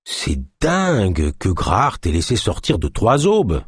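A man voicing a gruff suspicious guard. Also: lowish voice, wildly swooping pitch, a little slow, no echo, studio quality, full character voice. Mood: gruff, wary. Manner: grumbling, blunt and streetwise. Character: suspicious gruff male guard, crude and blunt.

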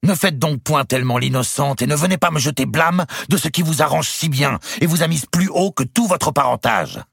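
A man voicing a hot-tempered young king who shouts indignantly and whose voice cracks high when cornered. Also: animated, normal speed, creaky, husky, no echo, studio quality, exaggerated voice. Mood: furious.

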